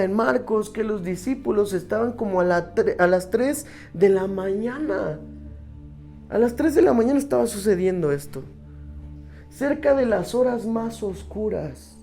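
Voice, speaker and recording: A man's voice: high-pitched, gravelly, darkish tone. A man preaching a sermon who keeps checking in with his listeners through rhetorical questions.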